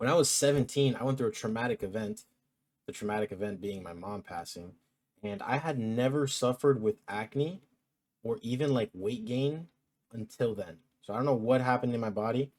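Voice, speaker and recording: A man's voice: lowish voice, darkish tone. A man in his twenties talking in a casual, chatty vlog, full of fillers like "like" and "um". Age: 20s. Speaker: vlogger.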